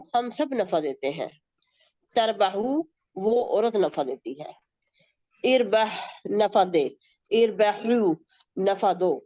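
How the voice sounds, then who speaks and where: A woman's voice: fairly high pitch, darkish tone, dry recording, muffled recording. Woman, student, drill recitation, dry close sound. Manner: reads Arabic forms, each with its Urdu meaning. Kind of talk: reciting a verb table in class.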